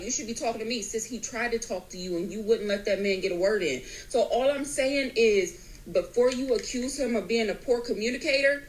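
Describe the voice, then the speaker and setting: A woman's voice: fairly high pitch, rough recording. A woman giving frank relationship advice straight to camera, in a lecturing but conversational way.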